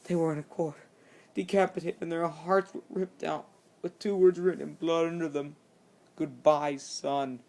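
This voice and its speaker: A man's voice: a little high, fairly even intonation, vocal fry, a little mellow. Man reading a horror story, stumbling. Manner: halting reading with frequent restarts. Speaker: channel host reading horror stories.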